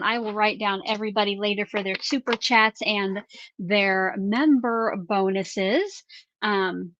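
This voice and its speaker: A woman's voice: on the high side, fairly bright tone, no room sound, highs cut off. A woman hosting a craft live stream in casual chat. She reads out viewer names and questions in an upbeat way.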